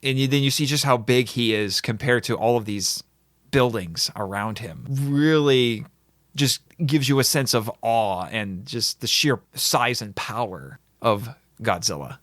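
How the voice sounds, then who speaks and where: A man hosts a casual podcast chat, talking eagerly in quick bursts with the odd small laugh. His voice sits at an ordinary middle pitch. The recording is dry and close to the mic. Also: a bit bright, no echo. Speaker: podcast host. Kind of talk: casual chat about films.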